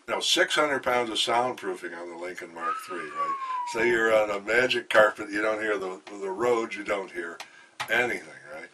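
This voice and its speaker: An older man with a fairly low voice, pushed and bright, tells rambling anecdotes in a hotel-room interview. He's enthusiastic and meandering, leaning on plenty of fillers. The mic sits at a distance, with faint background noise behind him.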